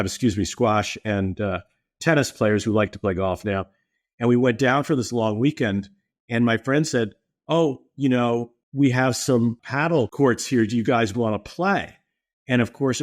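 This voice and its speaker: A middle-aged man talking easily as a podcast guest, explaining at length in a relaxed way. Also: mid-range voice, dry recording, studio quality. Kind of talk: casual interview talk.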